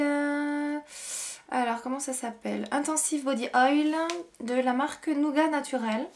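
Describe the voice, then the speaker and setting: A woman's voice: sits high, a little hiss or hum. A young woman chatting casually as a beauty vlogger, with many fillers and restarts. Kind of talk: casual product review chat.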